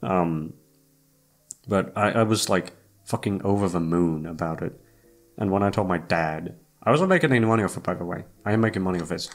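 A brisk, low-pitched young man who voice-acts and hosts a YouTube channel rambles to his listeners with music playing behind him. He's hesitant and self-deprecating, swears a lot, and lets his sentences trail off.

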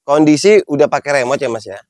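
A man's voice: fairly high pitch, expressive, brisk, very noisy. A man chatting casually as a used car dealer, listing each car's features in a matter-of-fact way. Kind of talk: casual sales chat.

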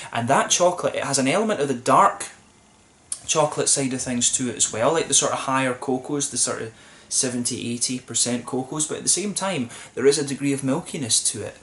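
In a casual to-camera beer review, a young man at a table in a small, plain room rambles thoughtfully, restarting often and saying um a lot. His voice is medium-pitched and a bit bright, with a slight hiss or hum.

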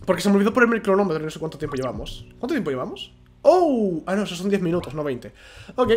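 A man from with a cold commentating a video game at a home microphone, half-shouting and rambling. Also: high voice, sing-song, fast talker, a little hiss or hum. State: has a cold. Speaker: gamer. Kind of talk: let's play commentary.

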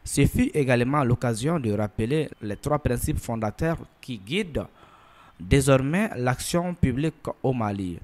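A male news narrator reading a scripted report in formal, polished phrasing. His intonation rises and falls with lively movement, and his pitch sits in a mid range. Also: measured pace, a faint crowd, a little hiss or hum.

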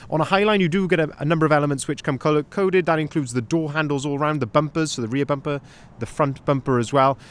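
Outdoors on a cold lot, a young sales manager gives an upbeat, detailed walkaround of a van for sale, pointing things out as he goes. His voice is on the high side and fast, with hardly any pauses, captured first-person on a handheld camera.

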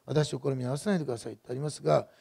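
A man's voice: medium pitch, fairly even intonation, rapid-fire, gravelly, dark tone, husky. A middle-aged male pastor preaching a sermon in a conversational, digressive way, with many fillers and personal stories.

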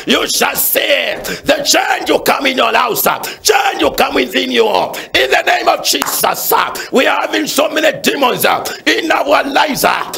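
A man's voice: very high-pitched, vocal fry, pushed and bright. A man preaching fervently and praying with callers on a phone-in, with frequent "uh" fillers. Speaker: pastor. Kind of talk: shouted sermon and prayer phone-in.

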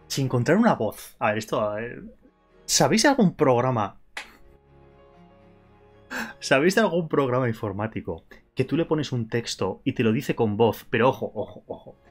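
Playful man with a Spain Spanish accent. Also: mid-range voice. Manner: playful, joking and self-mocking. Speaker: live painting tutorial host. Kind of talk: casual live-stream chat while painting.

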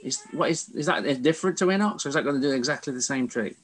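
A man chatting on a video call, halting and restarting his phrases. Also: on the high side, breathy edge. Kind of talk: casual video call chat.

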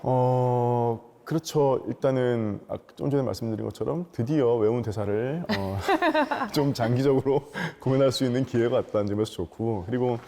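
A man speaking in an unhurried, earnest way, his voice mellow and warm. His pitch moves freely as he thinks aloud and explains things at length in a relaxed interview chat. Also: gravelly. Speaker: musical actor as interview guest. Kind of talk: casual interview talk. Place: quiet room with some ring.

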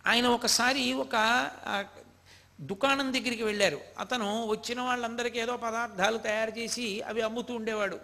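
A man with a high, ringing, bright voice gives a devotional talk. He tells stories of a holy man, quotes scripture and turns to address his listeners directly. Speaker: spiritual speaker. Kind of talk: devotional discourse.

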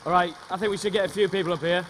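A man's voice: high voice, steady tone, rapid-fire, a bit bright, slight background noise. A man helping out at a live cooking demonstration, chatting and teasing from the side of the stage. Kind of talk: casual banter from the side.

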